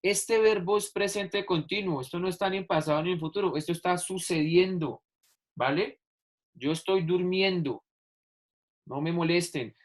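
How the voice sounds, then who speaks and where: In a high voice and at a moderate pace, a man teaches an online class over a video call. He explains with patience, stretching out important words and repeating examples.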